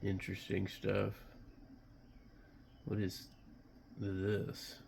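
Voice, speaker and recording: Male hobbyist vlogger, sick, unhurried and gravelly, rambling bluntly off the cuff while browsing. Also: on the low side, monotone, a little mellow, a little hiss or hum. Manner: muttering, unscripted, halting, blunt. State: sick, occasional coughing and throat clearing. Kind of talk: casual rambling commentary while browsing online.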